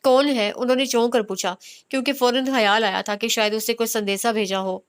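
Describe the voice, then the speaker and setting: Female audiobook narrator, steady storyteller with a smooth, slightly high voice. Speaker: novel narrator.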